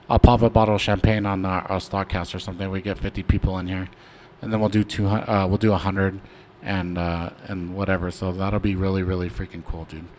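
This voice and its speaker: A young man chats loosely through a trading stream in a fairly low voice, filling gaps with ums and slang. Soft background noise sits under his talk. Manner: laid-back, rambling, slangy with many fillers. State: hiccuping. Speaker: stock trading stream host. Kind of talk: casual livestream chart talk.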